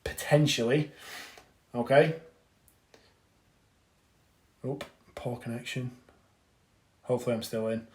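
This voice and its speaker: A man's voice: mid-range voice, fairly even intonation, normal speed. Brief: male fitness coach, casual live-stream teaching, chatty with mild swearing, roomy echo on the mic. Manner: chatty, reads out viewer comments, swears casually. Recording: echoey room.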